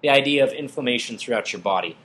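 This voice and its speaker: An American man walks listeners through medical board material with eager, explanatory energy. His voice is husky, and his pitch is ordinary for a man. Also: animated, quick pace, fairly bright tone. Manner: enthusiastic, explanatory, board-review teaching. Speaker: emergency physician podcast co-host. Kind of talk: medical teaching discussion.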